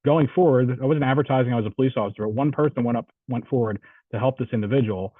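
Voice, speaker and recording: A man's voice: medium pitch, fast talker, no echo. A man with a New Jersey accent, a police instructor telling a story in a panel answer, talking in a conversational way with restarts. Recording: far from mic, tinny phone-like line.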